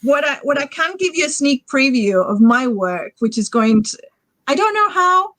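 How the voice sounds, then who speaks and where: A woman's voice: high-pitched, big pitch swings, moderate pace, fairly bright tone, dry recording. A woman in her forties, a guest author, talking casually on a podcast in a rambling, enthusiastic way full of fillers. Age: 40s.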